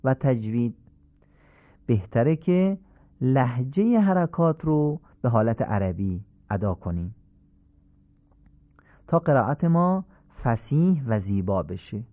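A man's voice: mid-range voice, very animated, pauses often. A man teaching a recitation class, patiently drilling examples one by one and repeating them. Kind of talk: classroom lesson. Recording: tinny phone-like lo-fi recording.

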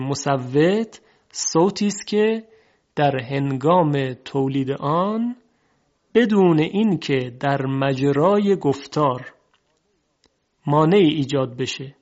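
Male lecturer, formal and courteous, drawn-out examples, slightly raised pitch, dull recording. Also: darkish tone. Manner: formal and polite, slowly drawing out example sounds. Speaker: teacher. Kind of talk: lecture on Arabic phonetics.

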